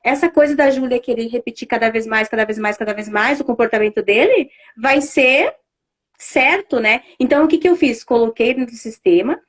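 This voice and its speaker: A woman's voice: fairly high pitch, brisk. A middle-aged woman, talking casually on a live stream as a family constellation facilitator, full of fillers and restarts. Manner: conversational, many fillers and restarts.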